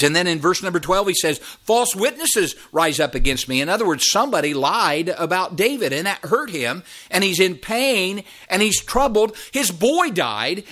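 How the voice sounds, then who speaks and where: Man, 50s, pastor; sermon delivery that swells high and sinks low, bright and pointed. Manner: preaching with sweeping rises and drops in voice.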